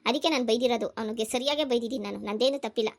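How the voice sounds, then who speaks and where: A woman voicing a hurt, defiant schoolgirl in a cartoon, with a high, whiny, tearful voice. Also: very fast, lightly acted. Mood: bickering. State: crying. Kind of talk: cartoon voice acting.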